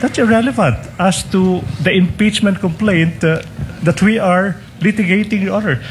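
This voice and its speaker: A man's voice: high-pitched, normal speed, slight background noise. A man, an opposing lawyer raising formal objections in a courtroom recording. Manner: interrupts with formal objections, addresses the judge repeatedly. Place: hearing room, courtroom recording.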